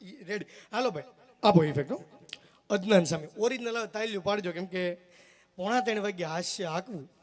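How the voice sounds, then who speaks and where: Male folk comedian, high voice, teasing live storyteller. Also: brisk, slight background noise. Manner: joking, teasing the audience directly. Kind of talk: live comic storytelling to an audience.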